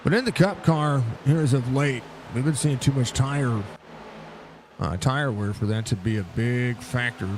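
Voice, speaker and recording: Male sim race caller, average pitch, informal and talkative, speaking through a barely opening post-surgery mouth, clear engine noise behind. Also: normal speed. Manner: chatty, addresses viewers and drivers directly. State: mouth barely opens after facial surgery, slightly impaired speech. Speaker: sim racing commentator. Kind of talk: casual live race commentary. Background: race car engine noise.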